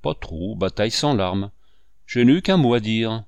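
A man reading aloud, voicing a smooth, sly male gendarme captain who answers calmly and curtly. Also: fairly low pitch, moderate pace, no echo.

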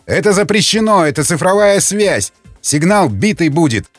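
Guy doing a sneery crude airman, higher and louder than his normal voice. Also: big pitch swings, moderate pace, no room sound, faint music behind. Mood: yelling. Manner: mocking, then shouting. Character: cynical foul-mouthed male crewman.

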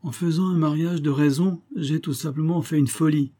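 A man reading the lines of a proud, quick-tempered young aristocratic woman in an audiobook. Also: fairly high pitch, steady tone, dark tone, husky, pitched above the performer's own voice. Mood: wistful. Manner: haughty, quick-tempered outbursts.

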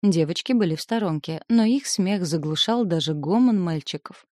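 Woman reading a novel aloud, low voice, dry close sound. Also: no room sound. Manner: even, measured storytelling. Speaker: audiobook narrator. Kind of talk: scripted narration.

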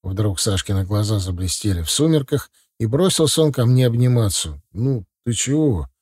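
Мужчина читает аудиокнигу сухо и ровно. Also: male voice, fairly low pitch, a little fast, husky, no echo, clean studio sound. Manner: steady, even storytelling. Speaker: audiobook reader. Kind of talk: audiobook narration.

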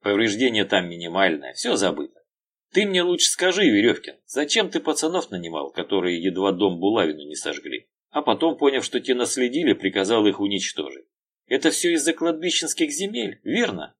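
A man voicing a calm, tough police colonel who speaks quietly and dryly. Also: on the low side. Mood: measured. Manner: quiet, dry, measured.

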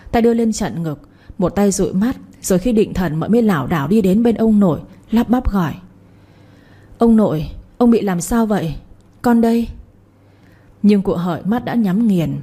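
A woman narrating a novel in a steady storytelling voice. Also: medium pitch, brisk, slightly rough.

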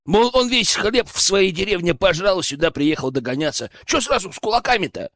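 A man's voice: high-pitched, animated, brisk, fairly bright tone, no room sound, studio quality, voice pushed up. A man voicing a young male city joker who protests that he did nothing wrong, in an audiobook. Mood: indignant. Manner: defensive, protesting.

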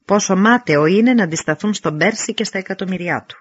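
A man voicing a wounded warrior king who speaks with loud, forceful declamation. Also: high-pitched, breathy edge, no echo, pitched above the performer's own voice. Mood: rousing. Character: defiant wounded warrior king, fierce and commanding. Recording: dry, slightly dull recording.

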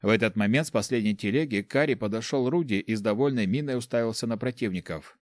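A man narrating a fantasy audiobook in a steady, even reading. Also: on the low side, quick pace, no echo.

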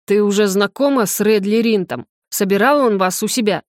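A woman's voice: mid-range voice, moderate pace, darkish tone, dry recording, close to an everyday voice. Grumpy hungover male rector, stern and scolding, dry close audio; woman reader.

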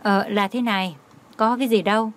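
A man's voice: high-pitched, fairly even intonation, brisk, fairly bright tone. A woman voicing a cheeky, whiny young coworker. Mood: sheepish.

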